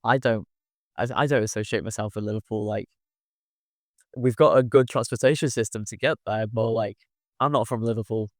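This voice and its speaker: A young university student from Wirral in northwest England chats casually, peppering his speech with "like" and "you know what I mean." His voice is lowish and fairly quick, with studio quality and no echo.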